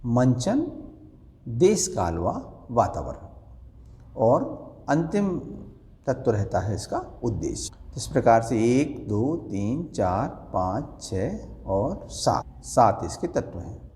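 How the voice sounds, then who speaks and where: A man teaches a lesson, going through exam questions one by one and explaining each answer step by step. His voice is warm and mellow, and his pitch rises and falls a lot. A long reverb hangs behind him. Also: slow pace, a little hiss or hum. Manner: explains step by step, lively rising and falling pitch.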